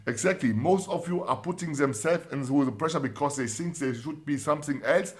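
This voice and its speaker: Upbeat German-accented man, slightly high voice. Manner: halting, many fillers and restarts, repeats set phrases; upbeat, encouraging. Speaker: trading channel host. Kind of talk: casual talk reading viewer comments.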